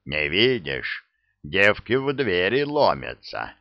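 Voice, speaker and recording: A man voicing a gruff, hulking male giant henchman in an audiobook, grumbling and blunt. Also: low voice, sing-song, slow pace, no room sound, highs cut off, full character voice. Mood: gloomy.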